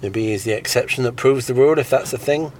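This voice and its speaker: A man in snobbish, sneering, deadpan comedic chat. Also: mid-range voice, fast talker, a little hiss or hum.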